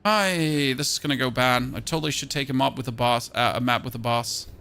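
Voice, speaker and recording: This game streamer has a high, creaky, pushed and bright voice with a clear, resonant tone, and he speaks fairly quickly. Chatting casually with viewers, he rambles and repeats words when restarting his sentences.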